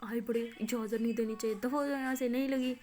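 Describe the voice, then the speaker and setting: A woman's voice: fairly high pitch, fairly even intonation, quick pace, mellow, natural voice. A woman voicing a hot-tempered, protective young woman who scolds sharply. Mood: scolding.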